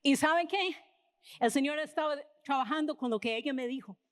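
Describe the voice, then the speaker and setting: High-voiced American woman preaching in Spanish. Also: a little fast. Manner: casual storytelling, tags lines with "¿verdad?". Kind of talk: conversational sermon. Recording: reverberant hall.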